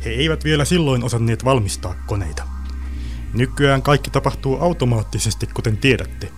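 A man's voice: mid-range voice, faint music behind, lightly acted. A man voicing an irritable male history teacher who lectures and scolds his class in a storybook reading. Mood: lecturing.

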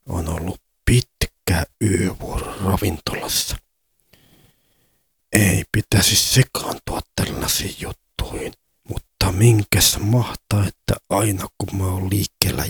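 A man's voice: low voice, breathy edge. An actor playing a tired male night-shift restaurant worker who mutters his thoughts to himself in a whispered inner monologue.

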